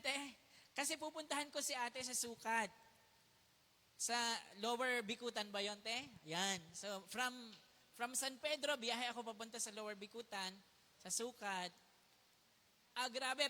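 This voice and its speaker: A man's voice: very high-pitched, sharp tone. A man from the Philippines preaching to his congregation. He tells a personal story, keeps checking with his listeners and mixes English phrases into his talk. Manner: conversational preaching that often questions the congregation. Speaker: pastor. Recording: long hall reverb.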